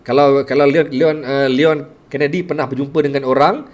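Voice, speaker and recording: A man's voice: medium pitch, fairly even intonation, normal speed. A middle-aged Malaysian man, a teacher telling his own story to listeners, speaking earnestly with a heavy stutter, repeating sounds and blocking on words. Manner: earnest, addresses listeners as tuan-tuan. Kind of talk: personal storytelling to an audience.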